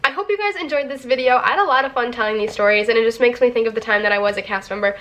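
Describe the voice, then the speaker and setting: A chatty young woman telling stories straight to her camera, her voice sitting a little on the higher side. She rambles along casually, peppering nearly every sentence with "like.". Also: racing, fairly bright tone. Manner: chatty, lots of "like" fillers. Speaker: vlogger, former theme park worker.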